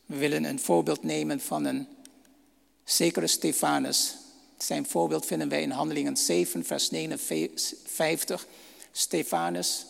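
A man's voice: a little high, fairly even intonation, measured pace, gravelly, big-room sound. A man preaching a sermon, reading Bible verses and asking rhetorical questions.

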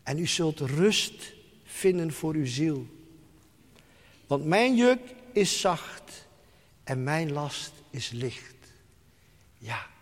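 A man preaching slowly and deliberately, leaning on each phrase. His voice sits a little high for a man, and a long reverb from a large church hall trails behind him. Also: lively intonation. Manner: slow, emphatic preaching with soft, hushed drops. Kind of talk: sermon.

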